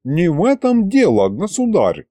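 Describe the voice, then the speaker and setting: A man's voice: high-pitched, huge pitch swings, mellow, no room sound, studio quality, voice pushed up, heavily acted. A man voicing a polite, reasoning horned male archivist at a royal court in an audiobook. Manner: courteous, measured.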